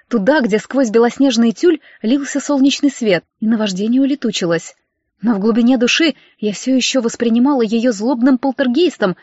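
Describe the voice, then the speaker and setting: A woman reading a novel aloud in first-person, narrating with lively expression. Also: a little high, no room sound. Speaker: audiobook narrator. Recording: dry, dull lo-fi audio.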